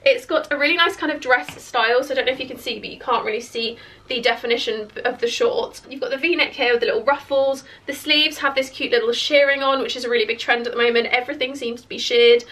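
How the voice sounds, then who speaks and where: A young woman chats her way through a fashion try-on haul, gushing and doubling up her words for emphasis. Her voice sits a touch high and sounds bright and forceful. She sits a little back from the mic. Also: fairly even intonation, fast talker, recorded from a distance. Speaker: fashion vlogger. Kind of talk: casual try-on haul chat.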